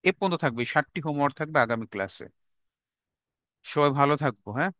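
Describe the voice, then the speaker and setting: A Bangladeshi-accented man teaches an online English lesson. He says each English phrase slowly, repeats it, then explains it. His voice is bright and fairly high, and the sound is close and dry. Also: expressive, no echo. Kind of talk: online class lecture.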